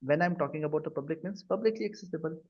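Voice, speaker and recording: A cloud computing teacher with an Indian accent races through a live online lesson in a slightly high, somewhat mellow voice. He checks comprehension often with quick questions, and the video-call sound is dull and lo-fi.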